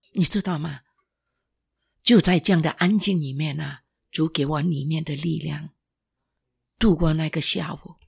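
An older former pastor shares an emotional personal testimony, halting, restarting and sometimes sinking to a whisper. His voice is medium-pitched, gravelly and husky.

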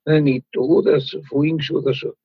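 Man, sermon, very breathy, dry close sound, folksy preaching with lots of fillers. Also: on the high side, little pitch movement, brisk, no room sound. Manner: conversational preaching with frequent fillers and tag particles. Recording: dull lo-fi recording.

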